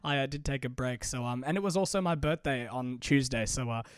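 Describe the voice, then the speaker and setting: A young man runs a solo politics podcast, talking casually at a fairly quick clip in a smooth, medium-pitched voice. A cold colors his sound somewhat, and he restarts often as he chats. The recording is studio quality with no room sound.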